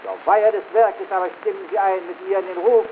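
Ein Mann mit deutschem Akzent hält als Amtsträger eine feierliche, pathetisch deklamierte Festrede im Stil des frühen 20. Jahrhunderts auf einer alten Phonographenaufnahme. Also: male voice, high-pitched, steady tone, a little fast. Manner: solemn, declamatory, grandiloquent. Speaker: government official giving a dedication speech. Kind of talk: formal ceremonial oratory, early 1900s. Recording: scratchy, tinny early 1900s phonograph recording.

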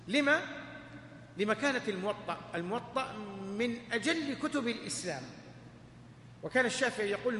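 A man's voice: sits high, bright, forceful tone. A man teaching a lesson in a mosque study circle, correcting his reader and joking with the students. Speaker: sheikh teaching hadith. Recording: echoey hall, faint hum.

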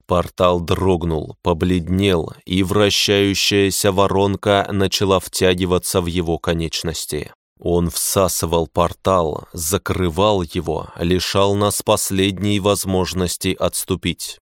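A man reading a fantasy audiobook in a measured, grim first-person narration. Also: low voice, little pitch movement, dry recording, clean studio sound.

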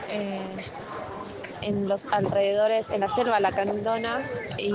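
A woman's voice: mid-range voice, very noisy. A woman in her thirties from Argentina with an Argentine accent, sharing reflective impressions at an outdoor community gathering. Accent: Argentine Spanish. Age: 30s. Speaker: event participant. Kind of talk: vox-pop interview. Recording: lo-fi outdoor field recording with loud crowd.

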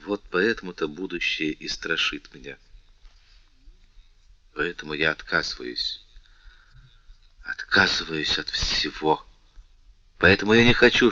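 A man reading the part of a gentle young woman in grief, tearful and imploring. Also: deep voice, a little slow, long pauses, dry recording, highs cut off. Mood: resigned. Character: meek young woman, grieving, pleading. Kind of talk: audiobook character reading.

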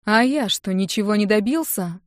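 A woman reading an audiobook, voicing a sullen, stubborn young man who answers tersely and flatly. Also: medium pitch, unhurried, no echo, studio quality, close to an everyday voice. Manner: flat, terse and defiant.

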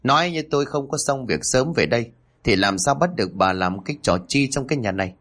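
A man's voice: mid-range voice, expressive, brisk, a bit bright, pitched above the performer's own voice. A man voicing a stern elderly landowner who scolds his wife with authority. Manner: stern, commanding, reproachful.

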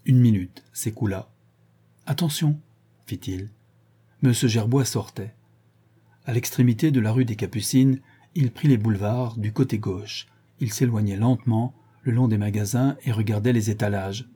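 A man reading a classic novel aloud in measured storytelling narration. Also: lowish voice, fairly even intonation, warm tone, breathy edge. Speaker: audiobook narrator. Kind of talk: scripted narration.

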